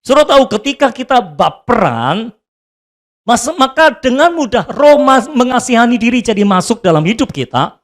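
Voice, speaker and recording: A man's voice: very high voice, big pitch swings, normal speed. A man preaching a sermon as pastor, joking and acting out prayers and quotes dramatically.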